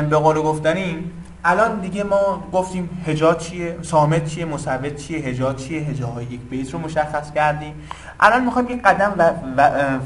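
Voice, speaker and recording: A man's voice: on the high side, slight background noise, low-quality recording. Man teaching poetic meter, chanting rhythms. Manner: explains patiently, chants meter feet rhythmically. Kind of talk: informal recorded lesson.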